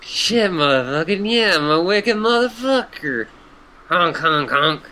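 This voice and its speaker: A man's voice: sits high, animated, measured pace, sharp tone, pitched above the performer's own voice, heavily acted. A man voicing a laid-back, stoned male clown troll who drawls, swears and honks. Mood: mellow.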